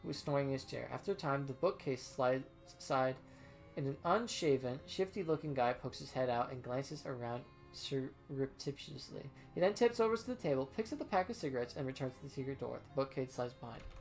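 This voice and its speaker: A man's voice: mid-range voice, expressive, a little fast, vocal fry. A man reading a game aloud as he plays, in casual playthrough narration. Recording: music behind the voice.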